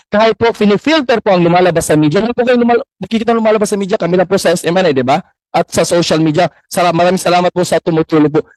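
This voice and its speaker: Isang lalaking ministro ng simbahan na taimtim, mapilit at magalang na nagpapatotoo sa isang pagdinig. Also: male voice, high-pitched, darkish tone, dry recording, rough recording. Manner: earnest, insistent, very polite. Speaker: church minister testifying at a hearing. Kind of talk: formal testimony. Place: hearing room.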